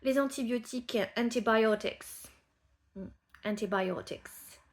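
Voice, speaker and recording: A French-speaking woman gives an English pronunciation lesson, patiently repeating each word and slipping into soft asides as she explains. Her voice sits on the high side and she speaks slowly.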